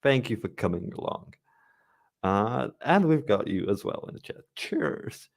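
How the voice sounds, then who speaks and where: Low-voiced male podcast host. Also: big pitch swings, vocal fry. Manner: rambling, with many restarts and quick laughs. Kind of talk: casual live-stream chat.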